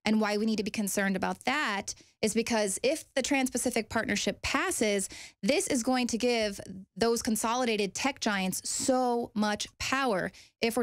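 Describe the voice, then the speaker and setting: A woman's voice: medium pitch, dry recording, studio quality. A woman presenting a news commentary segment in an eager, upbeat way.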